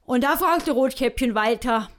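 A woman storyteller with a fairly high voice narrating a comic fairy tale. She is coarse and gruff, like an old sailor spinning a yarn. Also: moderate pace.

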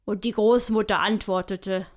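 A woman telling a comic fairy tale in a coarse, gruff, mock-sailor manner. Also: mid-range voice, fairly even intonation, moderate pace, a little mellow. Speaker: storyteller.

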